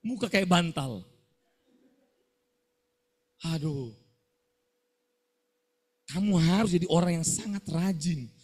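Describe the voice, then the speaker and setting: A man's voice: on the high side, slow pace, pauses often, husky. A middle-aged male pastor, preaching a scolding sermon to students and firing call-and-response questions at them.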